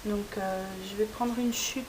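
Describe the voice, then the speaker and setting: A woman's voice: medium pitch, unhurried. Woman explaining crafts over a hissy recording. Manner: hesitant, frequent "euh" fillers while working. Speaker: craft tutorial host. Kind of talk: step-by-step demonstration. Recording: steady tape-like hiss.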